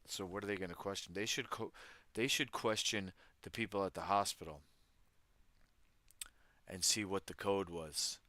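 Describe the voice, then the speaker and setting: Reading news stories aloud before riffing on them, this livestream host offers casual commentary with wry, irreverent remarks to his chat. He sits low in pitch, speaks at normal speed, pauses often and sounds sharp, with no echo.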